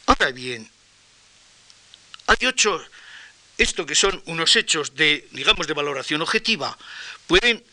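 An older man from Spain with a Castilian accent, giving an academic lecture in a measured, anecdotal way with pauses and restarts. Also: fairly high pitch, expressive, bright, forceful tone. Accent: Castilian Spanish.

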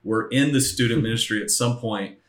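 A man hosting a casual church podcast from a table in a church room. His voice sits low and has an upbeat, encouraging lift. The room around him is echoey. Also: fairly quick. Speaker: podcast host, ministry leader.

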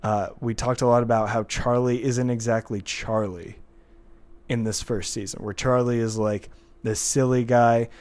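A man's voice: mid-range voice, fairly even intonation, normal speed, a little mellow. A man hosting a casual podcast, chatting about a TV show and reading listener comments aloud. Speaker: podcast host.

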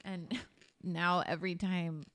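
A woman podcast co-host bantering casually with friends, wry and quick to joke. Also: lowish voice, little pitch movement, fairly bright tone.

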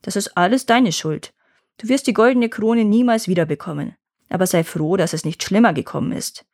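A woman voicing a big, protective male elk who speaks gravely and warns, in a husky voice. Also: mid-range voice, moderate pace, a little mellow, no room sound, studio quality, natural voice. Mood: grumbling. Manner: grave, warning, grumbling.

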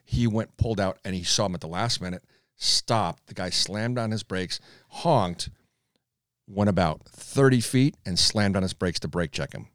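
A man co-hosting a podcast, telling animated stories and acting out what other drivers say. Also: low-pitched, moderate pace, no room sound, studio quality. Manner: animated storyteller who acts out other drivers. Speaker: podcast co-host. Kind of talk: casual conversation.

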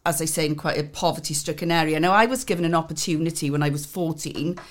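A woman's voice: low-pitched, fairly even intonation, fast talker. A middle-aged woman with a Swansea accent, talking conversationally as a guest in an interview. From Swansea, Wales. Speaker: podcast guest, actor and drama tutor.

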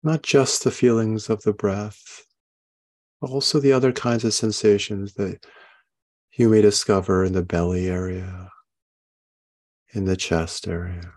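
A man leading a guided meditation, giving gentle, unhurried instructions and soft questions. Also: fairly low pitch, steady tone. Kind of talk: guided meditation, body scan.

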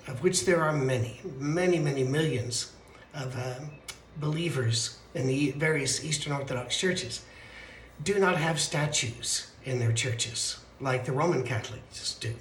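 Congested Bible teacher, down-a-well voice. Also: male voice, on the high side, slight background noise. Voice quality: muffled, hollow, like talking from the bottom of a well. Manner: chatty, rambling, with self-corrections and asides. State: congested, stuffy nose from allergies. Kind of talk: casual midweek Bible lesson. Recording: echoey room with faint ambience.

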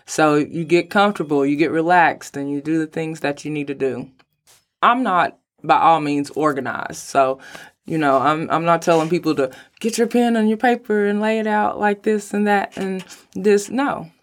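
A woman with a hoarse voice, sick lately, talking casually and emphatically as an interview guest about her own work. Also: deep voice, moderate pace. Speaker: podcast guest, writer.

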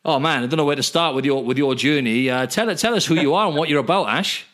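A man's voice: a little high, quick pace, a bit bright. A Welsh man from Cardiff hosting an interview, informal and matey. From Cardiff, Wales. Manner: friendly, informal, says "mate". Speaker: podcast host. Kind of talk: casual interview chat.

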